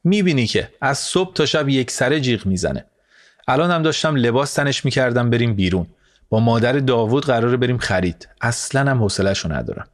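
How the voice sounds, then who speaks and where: A male narrator voicing a harried, irritable young mother who grumbles and speaks in a hurried, exasperated way in a storybook reading. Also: a little high, steady tone, fairly bright tone, no room sound, clean studio sound, voice pushed up, natural voice.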